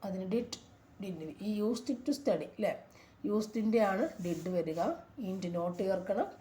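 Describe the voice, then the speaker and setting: A woman, working through exam answers as a tutor. She reads each question slowly and clearly, then explains it in quick bursts. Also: mid-range voice, dark tone.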